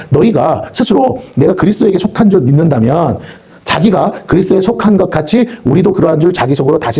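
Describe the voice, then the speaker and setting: A male pastor preaching a revival sermon, talking rapidly and rising to shouted rebukes. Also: fairly high pitch, creaky, husky. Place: prayer house meeting hall.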